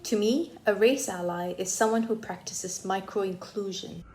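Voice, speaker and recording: A woman from Malaysia with a mid-range voice talks in a brisk, matter-of-fact way. Faint music sits under her voice. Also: mid-range voice, a little mellow. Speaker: interviewee.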